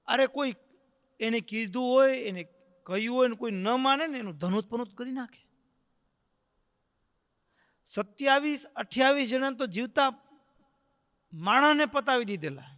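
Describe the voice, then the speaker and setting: A male preacher tells a devotional story with a dramatic delivery. His voice is high and bright, and he acts out the voices of the characters. The recording has a long hall echo. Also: animated, unhurried, pauses often, clean tone.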